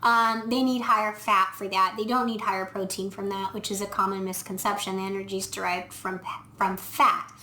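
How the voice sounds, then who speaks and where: A woman's voice: medium pitch, flat delivery, normal speed, sharp tone. A woman veterinarian casually reviewing dog food on camera, explaining step by step as she thinks aloud with frequent ums. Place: indoor room, filming herself. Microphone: camera mic. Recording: echoey room.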